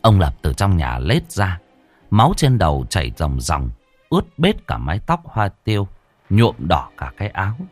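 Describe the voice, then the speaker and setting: A man narrating a horror story in an expressive storytelling manner. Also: low voice, moderate pace, dry recording. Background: faint background music.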